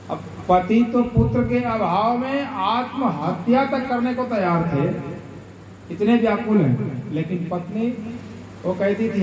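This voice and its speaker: A man's voice: high voice, a little mellow. A male religious storyteller delivering a sermon, explaining the tale and reciting Sanskrit verses to an audience in a large hall. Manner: explanatory, quotes Sanskrit verses and acts out quoted speech. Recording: echoey hall, far mic, dull sound, crowd.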